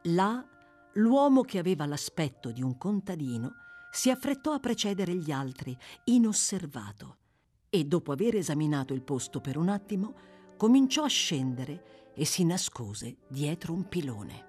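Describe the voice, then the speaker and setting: A woman reading a classic novel aloud with expressive, dramatic narration. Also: lowish voice, moderate pace, soft background music. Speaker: audiobook reader. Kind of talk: literary audiobook narration.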